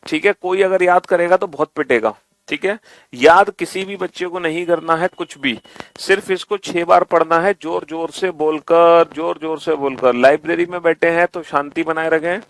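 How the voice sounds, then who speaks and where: A man's voice: a little high, a bit bright, no echo. A man teaching an online reasoning class, coaxing students with repeated instructions and calling them beta.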